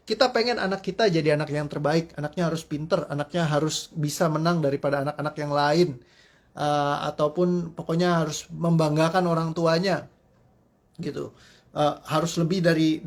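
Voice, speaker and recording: A man coaching in a live-streamed talk, telling personal stories in a chatty, self-deprecating way and laughing often. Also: a little high. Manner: conversational, sprinkles agreement tags. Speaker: motivational coach.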